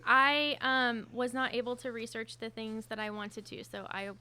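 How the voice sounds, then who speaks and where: A woman's voice: a little high, steady tone, moderate pace, sharp tone, clear, resonant tone, dry recording. A woman co-hosting a podcast who introduces songs and chats in a friendly way. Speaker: podcast co-host. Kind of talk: casual chat.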